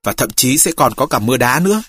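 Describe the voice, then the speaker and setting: Reader doing a grumpy old village woman, low and husky, curt. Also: lively intonation, fast, a bit bright, no room sound, clean studio sound. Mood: grumbling. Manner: curt and disapproving.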